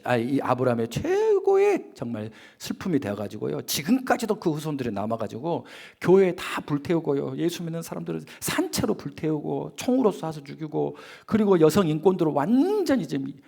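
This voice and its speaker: A male pastor preaching a sermon in a slightly high voice that leaps up and down with lively intonation. He builds to loud emphatic peaks and then drops to a hushed whisper, throwing rhetorical questions at the congregation. Now and then he acts out the voices of the people in his examples. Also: gravelly. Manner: acts out quoted voices of children and believers.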